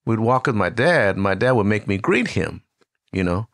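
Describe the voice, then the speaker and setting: An older man hosting an interview, telling stories in a lively, conversational way with frequent restarts. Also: lowish voice, normal speed, no room sound, studio quality. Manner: warm storyteller, animated with many restarts. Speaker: host.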